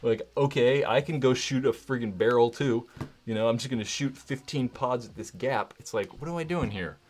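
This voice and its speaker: A man's voice: mid-range voice, moderate pace, a little hiss or hum. A man hosting a casual livestream from home, rambling and candid, filling his talk with "like" and "right?" and swearing now and then. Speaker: livestream host.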